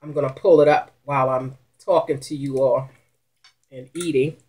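A woman's voice: very deep voice, fairly even intonation, normal speed, a little mellow. A middle-aged woman hosting a mukbang video, chatting casually and appreciatively between mouthfuls. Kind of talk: casual chat while eating. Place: small curtained room at home, indoors.

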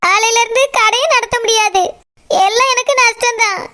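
A woman's voice: very high voice, normal speed, pushed and bright. A woman with a Tirunelveli Tamil accent voicing a tearful, scolding village mother-in-law in a cartoon. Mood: lamenting. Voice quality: wailing, complaining. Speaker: cartoon character. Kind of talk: cartoon voice acting.

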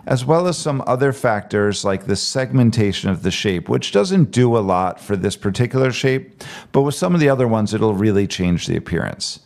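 A man calmly talking step by step through a screen-recorded software tutorial. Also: lowish voice, normal speed, gravelly. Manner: calm step-by-step explaining. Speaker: tech tutorial presenter.

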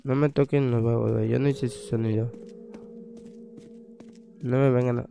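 A young man with a mellow, gravelly voice talks his way through a horror game. He thinks aloud, swears freely and bursts out loudly whenever something startles him. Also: medium pitch, steady tone, normal speed, a little hiss or hum. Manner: casual, swearing, thinking aloud, loud scared outbursts. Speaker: gaming channel host. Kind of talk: horror game let's play commentary.

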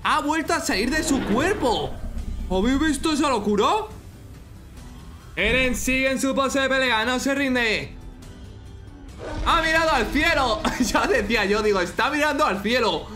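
A young man with a strikingly high voice and an accent from Spain reacts on camera as an excitable anime fan. His commentary is exclamatory and comes at an unhurried pace, with prominent music playing behind him. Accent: Spanish from Spain. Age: young adult. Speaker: reaction video host.

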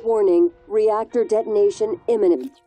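A woman voicing a calm female space station computer that announces automated warnings. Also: mid-range voice, normal speed, soft background music, lightly acted. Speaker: station alarm system.

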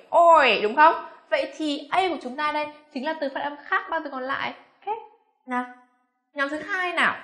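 A young woman with a Vietnamese accent teaching English pronunciation, coaxing and slowly repeating each word with frequent check questions. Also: high voice, sharp tone, reverberant. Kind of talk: classroom pronunciation lesson.

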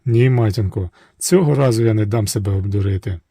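A man voicing a brave young hunter hero who speaks calmly and firmly. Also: on the low side, a little fast, no echo, studio quality.

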